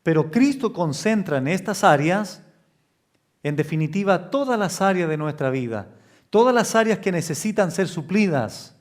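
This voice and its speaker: A male pastor preaching an expository sermon in a slow, emphatic way, often raising his pitch for stress. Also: big pitch swings.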